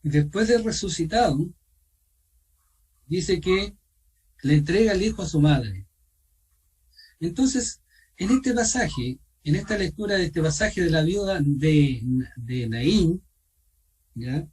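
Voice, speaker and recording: A man with a Chilean accent teaching an online Bible study, asking his listeners questions and pausing with fillers. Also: on the high side, expressive, a little mellow, husky, distant mic, poor audio. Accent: Chilean Spanish. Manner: asks questions of the group, repeats himself, pauses with fillers. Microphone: video call.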